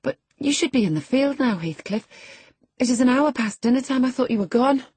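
Woman voicing Catherine, a high-pitched, peevish young girl. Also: animated, a little fast, a little mellow, breathy edge, no room sound. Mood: flustered, evasive. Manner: petulant, stammering when flustered. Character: peevish, evasive teenage girl of genteel household.

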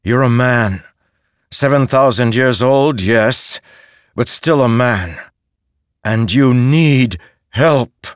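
A man's voice: mid-range voice, slow pace, long pauses, smooth, no echo, clean studio sound, pitched above the performer's own voice, natural voice. A man voicing a defiant, weary young soldier. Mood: earnest. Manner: earnest, firm.

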